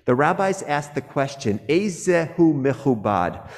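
A man, a rabbi, giving a sermon with a measured, earnest delivery and slow, emphatic phrases. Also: a little high, sing-song, long reverb tail. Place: synagogue sanctuary.

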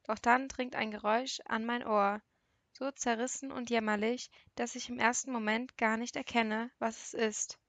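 A woman reads an audiobook in a calm, measured first-person style. Her voice sits a little high, and the recording is close and dry with no room sound. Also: dry recording. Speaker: audiobook reader. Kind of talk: audiobook narration.

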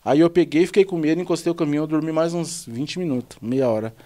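With a fast pace and a voice on the high side, a man from the São, a truck driver guesting on a casual podcast, recounts a long personal story. He rambles in an animated way, quoting the dialogue of the people involved.

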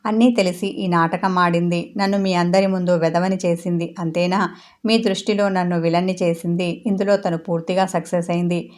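A woman's voice: on the low side, fairly even intonation, normal speed, a little mellow, close to an everyday voice. A woman voicing an angry, egotistic young husband who rants resentfully at his friend in a storybook reading. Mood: bitter ranting. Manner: resentful, accusing rant.

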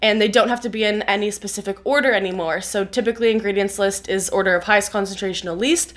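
A fairly bright, medium-pitched female voice, stuffed up and nasal because of a cold. The young woman, a biochemist YouTuber who reviews skincare, chats her way through a relaxed explanatory video, peppered with "um".

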